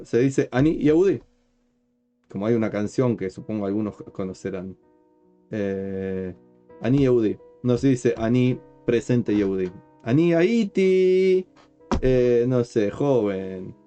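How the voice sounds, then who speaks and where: A man's voice: mid-range voice, dark tone. A man speaking as a rabbi, explaining a point step by step, pointing at written material and often checking understanding with rhetorical questions. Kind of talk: explanatory teaching talk. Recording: dull lo-fi sound with faint guitar music.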